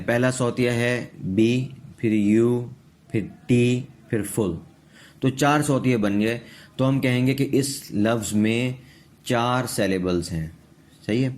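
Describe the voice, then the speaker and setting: A man teaching a pronunciation lesson, slowly repeating example words and checking understanding as he goes. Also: medium pitch, darkish tone. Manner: slow, repeats words for drilling, checks understanding with tag questions. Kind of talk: classroom-style lesson.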